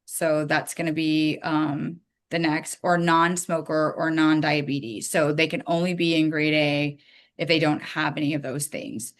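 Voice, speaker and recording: A woman with a slightly low voice gives a dental hygiene webinar from her slides. She talks in a relaxed, chatty way, with fillers and quick apologies when she trips up. She sounds like she is on a computer microphone on a video call. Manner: casual, chatty, apologetic asides.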